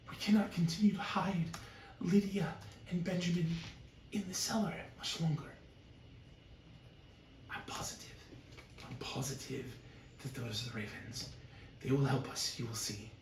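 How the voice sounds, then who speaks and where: A man voicing a worried village mother who hides her children, speaking in a hushed, urgent voice. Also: deep voice, roomy sound, far from the mic, background noise, voice pushed up, close to an everyday voice.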